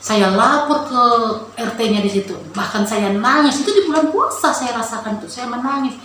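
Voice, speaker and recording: A woman's voice: on the high side, animated, moderate pace, fairly bright tone. A woman giving a personal faith testimony, telling her story in an earnest and emotional way. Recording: very echoey room with background noise.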